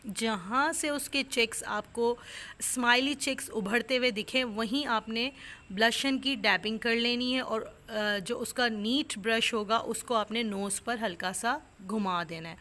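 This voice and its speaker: A woman's voice: a little high, measured pace, bright, forceful tone. A woman makeup artist, narrating a makeup tutorial step by step, explaining products and techniques. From Pakistan. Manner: instructive, step-by-step explanations with many fillers.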